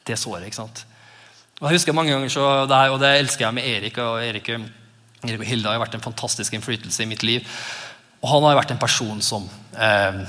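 A male pastor in his thirties giving a lively, conversational sermon, sometimes acting out voices in his exclamations. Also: mid-range voice. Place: church. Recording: long church reverb.

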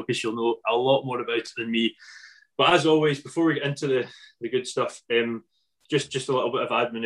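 Rambling male podcast host, mid-pitched. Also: fairly bright tone, low-quality recording. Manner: rambling, hesitant, self-deprecating. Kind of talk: casual podcast hosting.

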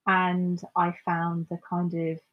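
A woman co-hosting a podcast in casual chat, speaking in a reflective, measured way and agreeing often. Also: on the low side, monotone, phone-quality sound. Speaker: podcast co-host.

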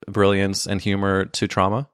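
A man's voice: deep voice, completely flat delivery, normal speed, a bit bright, smooth. A man from St. Louis, Missouri, chatting casually with a wry, joking manner. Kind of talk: casual chat.

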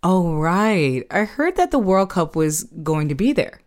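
A woman hosting a scripted radio feature in a bright, quiz-style presenting manner. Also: fairly low pitch, big pitch swings, unhurried. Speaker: host.

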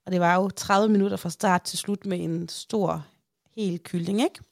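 Gravelly-voiced chatty woman. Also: lowish voice. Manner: chatty, animated, acts out quotes. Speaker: podcast host. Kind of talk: casual chat, storytelling.

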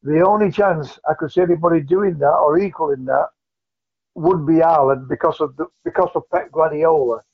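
A man's voice: on the high side, normal speed. A man calling in to a talk show over a phone line, speaking earnestly and often restarting his phrases. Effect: heard over a phone call. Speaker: radio phone-in caller. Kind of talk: casual call-in chat. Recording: muffled phone-line audio.

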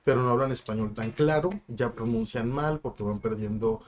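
A young man talks through memories at a comfortable middle pitch. He wanders into asides and fillers as he thinks aloud. It is the relaxed back-and-forth of a podcast guest. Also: moderate pace. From Mexico. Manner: reflective storyteller, drops in asides and fillers. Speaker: sign language interpreter and school director, guest. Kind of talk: casual podcast interview.

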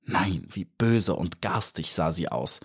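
A man with a lowish voice reads a storybook aloud as an audiobook. His scripted narration is calm and measured, and he tells the story at an even pace. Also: slightly rough.

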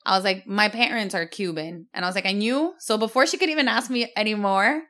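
A bright, crisp-toned woman in middle age, from Miami, chatting casually on a podcast. She tells stories fast and freely, quoting the people she meets and laughing often. Her voice sits at an ordinary pitch. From United States (Miami). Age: middle-aged. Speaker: podcast co-host, guest.

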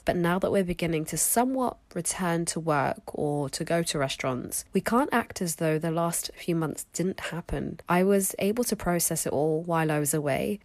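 A woman's voice: low-pitched, no room sound. A young woman hosting her own podcast, talking in a chatty, reflective way, her voice nasal from a cold. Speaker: podcast host. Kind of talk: casual scripted monologue.

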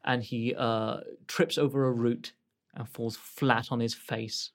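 A man's voice: medium pitch, fairly even intonation, slow. A man narrating as game master of a tabletop game, hesitant and full of fillers. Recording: narration over clear music.

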